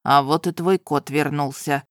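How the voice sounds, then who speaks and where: A woman's voice: fairly even intonation, unhurried, no echo, clean studio sound. Woman doing a stern young nobleman. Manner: scolding, lowered gruff voice. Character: stern young male nobleman, scolding fiancé.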